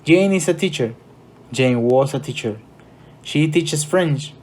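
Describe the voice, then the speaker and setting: A man with a Colombian Spanish accent teaching an English grammar lesson, switching between Spanish explanations and slow English examples. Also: a little high, expressive, darkish tone.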